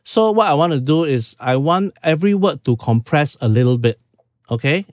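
In a small home room, a man from Singapore in his fifties walks through audio settings in an informal screen-share tutorial, peppering it with "okay." His voice is on the high side, animated and a little mellow, at normal speed, in a dry, studio-quality recording.

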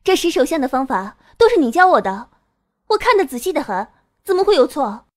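A doting young girl, played by a woman in an audio drama, with a high, clear voice. She is clingy and teasing, sweetly demanding. The sound is dry and close to the mic. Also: animated, normal speed, a little mellow, no echo. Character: 19-year-old girl, doting and possessive.

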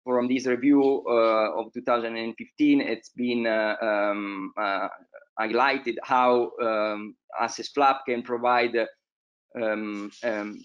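A young man presents to dental students over a video call, slow and halting, filling his pauses with "uh" and "um". His pitch sits mid-range for a man. The sound is dull and a little lo-fi. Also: steady tone, fairly bright tone, clear, resonant tone. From Italy. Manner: hesitant, many filler sounds. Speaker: periodontology lecturer. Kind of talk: online conference presentation.

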